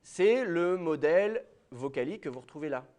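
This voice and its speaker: A man's voice: on the high side, expressive, moderate pace, darkish tone. A man with a French accent giving a university lecture, explaining to students directly, with many fillers. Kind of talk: classroom lecture.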